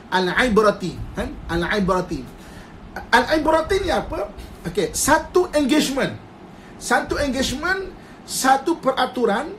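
A man's voice: very high-pitched, a bit bright, slight background noise. A man with a Malaysian Malay accent giving an informal religious talk on a live stream. He mixes in English terms, laughs often and acts out quoted husbands and wives. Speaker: Islamic religious teacher. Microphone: phone live stream.

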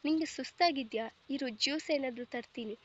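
A woman's voice: high-pitched, normal speed, muffled recording. A woman voicing an affectionate middle-aged mother-in-law in a storybook reading, tender and soothing.

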